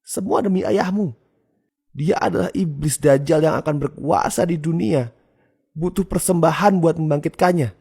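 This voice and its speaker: A woman's voice: deep voice, moderate pace, vocal fry, dark tone, breathy edge, voice pushed up, exaggerated voice. A man voicing a middle-aged mother turned fanatical devil worshipper, screaming at her son in a story narration.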